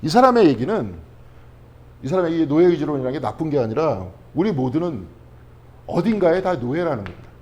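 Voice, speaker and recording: Quick, lively male pastor teaching. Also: on the high side, muffled recording. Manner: asks the class questions, then answers them himself; conversational, checking in with frequent tag questions. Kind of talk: Bible study lecture.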